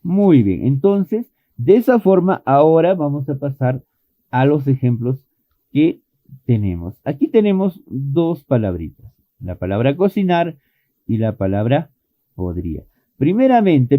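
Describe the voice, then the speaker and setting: A man's voice: a little high, sing-song, a little slow, dry recording. A man teaching an online English pronunciation lesson, patiently explaining and repeating vowel sounds as demonstrations. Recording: thin phone-like dry audio.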